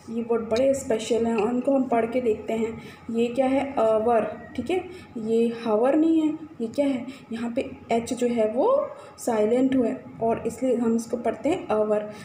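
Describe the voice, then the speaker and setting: Woman teacher, encouraging, mellow higher voice, echoey room, faint hiss. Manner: encouraging, repeats "ठीक है" and addresses children. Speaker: English grammar teacher. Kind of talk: classroom-style explanation to students.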